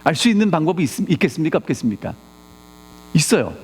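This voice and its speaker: A pastor with a slightly rough, somewhat high voice preaches a sermon at a quick pace, animatedly peppering his congregation with rhetorical questions again and again. He's in a church sanctuary, and the recording carries a long church reverb.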